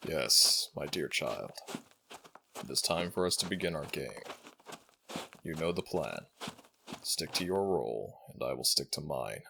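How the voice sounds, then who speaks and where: In an audio roleplay, a man voices an ancient jackal god with a deep, gravelly voice, speaking in a formal, measured way that is regal and fondly exasperated. The heavily acted, expressive performance has a conspiratorial mood, set against a noisy background.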